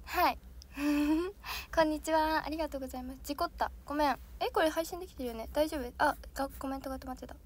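A woman's voice: sits high, quick pace. A young woman, an idol trainee, chatting casually and bubbly with viewers on a livestream, laughing often. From Japan.

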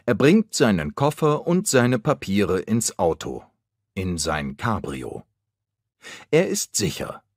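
Slow, deliberate male storyteller. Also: fairly low pitch, big pitch swings, no room sound, clean studio sound. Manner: clear and deliberate. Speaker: narrator of a language-learning story. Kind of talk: slow scripted storybook narration.

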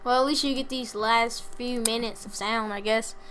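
A young woman giving casual, self-mocking commentary over her gameplay, chatty with sudden loud bursts of excitement. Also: fairly high pitch, moderate pace, background noise.

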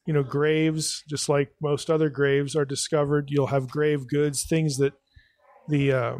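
A man's voice: fairly high pitch, level tone, unhurried, a little mellow, dry recording. A podcast host answering an audience question at a live event. He thinks aloud, often restarts, and keeps saying "again" and "you know".

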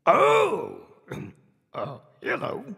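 A man voicing a vain, boastful male wolf who shouts and laughs theatrically. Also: high-pitched, huge pitch swings, drawn-out words, gravelly, slightly rough, long reverb tail, voice pushed up, full character voice.

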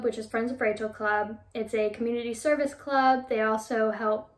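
Young American woman, late teens, slightly high voice. Bubbly, friendly sorority-girl type doing a casual self-introduction. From Illinois, United States. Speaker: incoming college student introducing herself. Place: bedroom at home.

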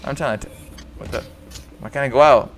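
A man's voice: medium pitch, a little fast, creaky, a little hiss or hum. Young man mumbling slangy game commentary. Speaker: gaming YouTuber. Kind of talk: casual gameplay commentary. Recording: faint music behind.

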